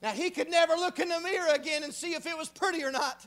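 A preacher man, delivering a folksy sermon that swings from hushed talk to shouting. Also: very high voice, fairly even intonation. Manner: fervent, swings from hushed to shouting, drawn-out emphasis; folksy, frequent "uh" fillers.

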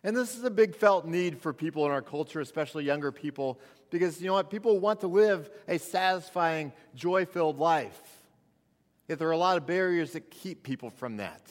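Preaching at a pulpit microphone in a church sanctuary, a male pastor delivers his sermon conversationally and often restarts his sentences. His fairly high voice moves quickly with lively intonation, and the hall's long reverb surrounds it.

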